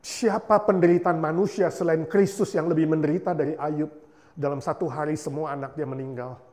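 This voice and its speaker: Pastor guy giving a sermon in church, kinda high voice, goes loud then real quiet and prayerful, mixes in english. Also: fairly even intonation, fairly quick. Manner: swings between loud exhortation and hushed, tearful prayer; mixes English words into his preaching.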